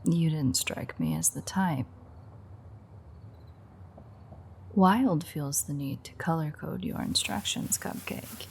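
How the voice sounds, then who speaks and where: Playing an unrepentantly predatory vampire mechanic for audio roleplay, the actress speaks in a husky, gravelly, breathy voice that sits lowish with a darkish tone. The one-sided, intimate scene has an exaggerated voice and a mood of dry, sarcastic teasing.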